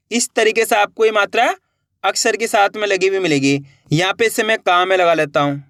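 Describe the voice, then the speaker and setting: A man with a fairly high voice teaches reading syllable by syllable, stretching each sound and asking the same question again and again. He speaks to viewers as friends in an encouraging way. The sound is dry and close, with no room echo. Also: fairly bright tone. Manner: slow, drawn-out syllables, repeated teaching questions. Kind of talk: step-by-step phonics lesson.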